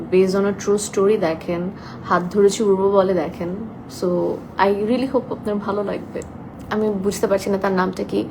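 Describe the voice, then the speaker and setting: A soft-spoken young woman chatting casually on a live stream, reading out viewer comments and mixing English into her talk. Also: medium pitch, slight background noise, rough recording.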